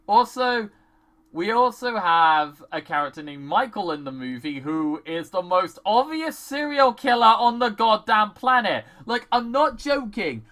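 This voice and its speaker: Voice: medium pitch, fairly bright tone. A movie reviewer in a casual vlog, ranting in an exasperated way, swearing often and filling speech with "like". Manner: many "like" fillers.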